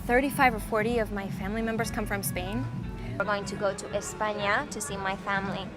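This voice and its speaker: A woman's voice: mid-range voice, fairly even intonation, fairly quick, over loud music. A woman chatting casually in an interview in a friendly manner.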